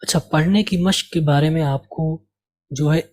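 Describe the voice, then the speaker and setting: A man's voice: on the high side, fairly even intonation, darkish tone. Patient male teacher. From India. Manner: patient, repeats key points, models English pronunciation slowly. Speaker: English teacher. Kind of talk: explaining a language course lesson.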